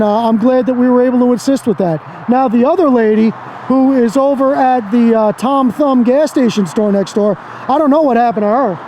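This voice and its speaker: A man's voice: extremely high pitch, warm tone. An American man in his fifties talking casually and earnestly outdoors as an auditor narrating for his camera. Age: 50s. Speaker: First Amendment auditor and videographer. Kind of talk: casual on-the-street talk and commentary to camera. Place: outdoors beside a busy road. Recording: outdoors with clear road and traffic noise.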